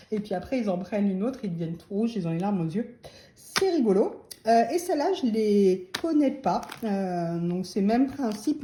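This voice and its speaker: Middle-aged woman, casual vlogger, mellow and relaxed, chatty, echoey room. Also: mid-range voice. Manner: chatty, hesitant, lots of fillers, laughs at herself. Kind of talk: casual haul vlog chat. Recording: echoey room with faint noise.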